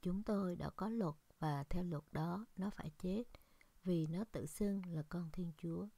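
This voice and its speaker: A woman's voice: lowish voice, measured pace, gravelly, mellow, dry recording. A woman reading the lines of an angry accusing crowd in a Scripture reading, insistent and raised.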